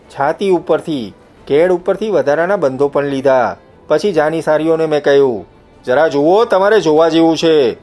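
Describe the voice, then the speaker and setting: A man reading a novel aloud as an audiobook narrator, telling it in first person and lifting his voice for the shouted lines. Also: medium pitch.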